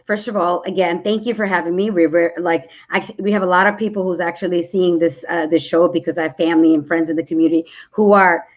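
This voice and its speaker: A woman's voice: lowish voice, fairly even intonation, fast talker, hardly any pauses, highs cut off. A woman in her forties from New York City, a congressional candidate giving earnest, rambling interview answers with many restarts over a video call.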